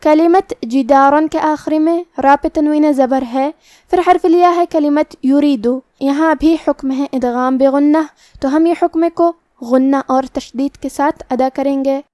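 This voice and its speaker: A woman teaching Quran recitation rules step by step, methodical and repetitive in her phrasing, with slow chanted recitation between explanations. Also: high voice, fairly even intonation, mellow, no echo, studio quality. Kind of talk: step-by-step tajweed lesson.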